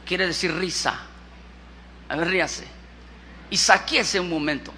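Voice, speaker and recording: A man with a Mexican accent, a pastor preaching a lively sermon and questioning his congregation. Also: sits high, unhurried, slight background noise. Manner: lively, acts out scripture, asks the congregation questions.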